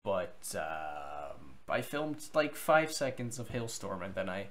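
A man's voice: low voice, lively intonation, slow, fairly bright tone. A man hosting a vlog, talking casually to camera in a rambling, self-deprecating way. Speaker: vlogger host.

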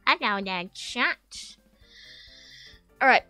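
A woman's voice: on the high side, animated, very slow, loud music behind the voice, rough recording. Playful woman streamer on a headset mic. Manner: playful, chatty, addresses chat directly. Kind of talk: casual livestream chat. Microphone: livestream headset mic.

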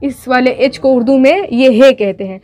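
A woman's voice: high voice, moderate pace, a little mellow. A woman teaching how to write letters at a board, patiently repeating each step and checking in with her students. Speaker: Urdu teacher. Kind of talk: whiteboard writing lesson.

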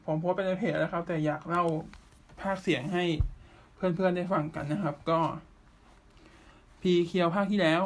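A man's voice: sits high, fairly even intonation, slight background noise. Chatty man hosting an anime podcast. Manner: chatty, pauses often with drawn-out fillers. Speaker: podcast host. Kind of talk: casual solo anime news chat.

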